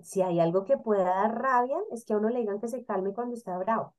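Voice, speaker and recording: A woman co-hosting a casual panel talk, explaining emotions in an animated way and acting out the people she quotes. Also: mid-range voice, quick pace. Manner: animated, acts out quoted voices. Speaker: co-host.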